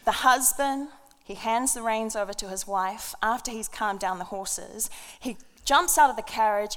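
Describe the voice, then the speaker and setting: A woman preaching a sermon, telling a funny story with energy and laughing at her own jokes before reading scripture. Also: a little high. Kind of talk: sermon with a humorous opening story. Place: church hall. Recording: long hall reverb.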